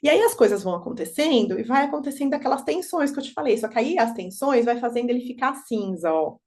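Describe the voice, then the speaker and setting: A woman giving a talk to parents on children's emotions, animated, acting out children and parents in quick high voices. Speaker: parenting educator. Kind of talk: lecture to parents.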